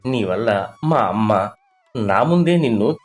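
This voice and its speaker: Guy doing a stern hurt husband, lively up-and-down voice, lecturing. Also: on the low side, takes it slowly. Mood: reproachful. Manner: reproachful.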